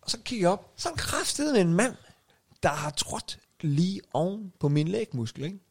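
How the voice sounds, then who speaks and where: A man's voice: high-pitched, big pitch swings, a little mellow. Guy rambling thru a story on a podcast, lots of uh and restarts, casual chat. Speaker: podcast co-host.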